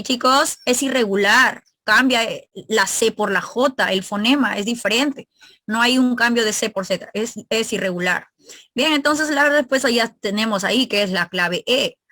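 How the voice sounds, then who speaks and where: A woman's voice: fairly high pitch, pushed and bright, no room sound. A woman teacher leading an online exam review class, asking her students questions and explaining grammar step by step.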